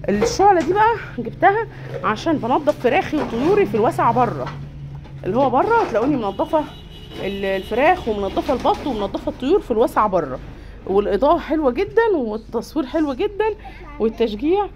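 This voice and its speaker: A woman's voice: sits high, sing-song, fast, noisy background. A woman with an Egyptian Arabic accent casually touring viewers around a poultry yard and shop, talking straight to them as she walks. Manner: chatty, addresses viewers directly while touring. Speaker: vlogger giving a tour. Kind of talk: casual walk-through vlog.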